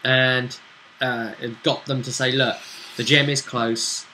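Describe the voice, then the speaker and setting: A man acting as game master chats casually while recapping a tabletop role-play session, telling it like a story with halting pauses. His mid-range voice is level yet bright and forceful, and the poor audio carries a faint hiss or hum.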